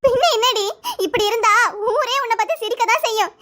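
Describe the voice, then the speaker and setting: A woman's voice: very high-pitched, fairly quick, fairly bright tone. A woman voicing a haughty, bossy rich madam in a cartoon, curt and scolding, with a Tirunelveli Tamil accent. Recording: noisy cartoon voice track.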